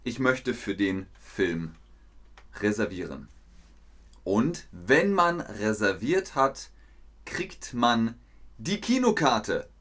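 A man teaching a language lesson on a live stream, speaking slowly and clearly, repeating simple phrases and acting out short dialogues. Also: on the low side, sing-song, a bit bright. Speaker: German teacher streaming online.

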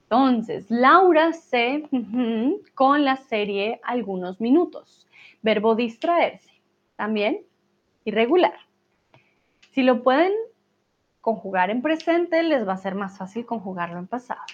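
A woman's voice: fairly high pitch, expressive, unhurried, long pauses, a little mellow. A woman teaching a live online grammar lesson, patiently drilling verb conjugations aloud and reassuring her students. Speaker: Spanish teacher. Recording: slightly dull lo-fi sound.

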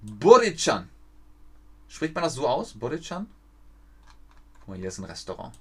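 A man's voice: medium pitch, big pitch swings, quick pace. A young man streaming a geography guessing game, thinking aloud, reading viewers' chat and stumbling over foreign place names.

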